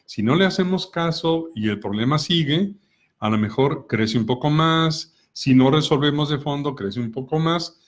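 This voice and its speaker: Middle-aged man, co-host, calm explainer, stacks rhetorical questions. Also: a little high, normal speed. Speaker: co-host of a personal growth talk. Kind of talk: explanatory talk with examples.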